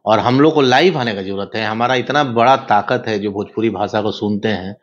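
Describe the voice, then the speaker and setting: A man, giving an interview in an animated, emphatic, lecturing way. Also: lowish voice, a little fast. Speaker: interview guest. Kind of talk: casual interview talk. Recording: dull lo-fi sound.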